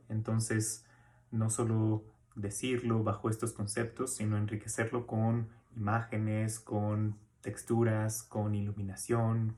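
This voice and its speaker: A man talks through a recorded course lecture, his voice sitting on the low side. He explains in a loose, conversational way, dropping in small tag questions and fillers as he goes. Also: darkish tone. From Mexico. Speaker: university lecturer.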